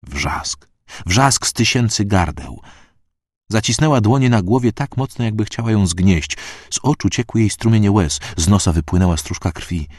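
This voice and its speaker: A man reading a dark fantasy audiobook in a steady, measured way. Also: lowish voice, no echo, clean studio sound. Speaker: audiobook narrator.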